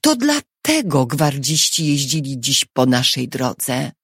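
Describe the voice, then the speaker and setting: A woman reading an audiobook who voices a frightened, quick-tempered young wife in a raised, pleading voice. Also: a bass voice, big pitch swings, husky, dry recording, clean studio sound, heavily acted. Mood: anxious, urgent.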